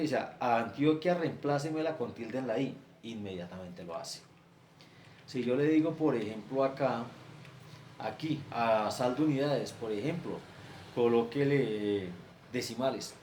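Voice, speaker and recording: A man's voice: medium pitch, unhurried, a little mellow. A male teacher, explaining a spreadsheet lesson step by step and stacking example after example. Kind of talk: screen-share class lecture. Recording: echoey room, faint ambient noise.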